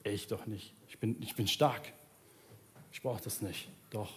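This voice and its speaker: There's a little hiss or hum as a pastor in his thirties, steady in tone and a bit slow, gives an earnest sermon on a large church stage. He drops soft and low, climbs to a plea, and ends in prayer while soft instrumental music plays.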